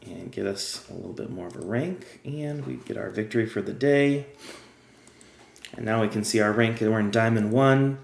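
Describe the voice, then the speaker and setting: Slightly low man with a fading voice. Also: vocal fry, echoey room. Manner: chatty, explains step by step while playing. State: losing his voice. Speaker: game guide creator. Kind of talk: casual gameplay tutorial.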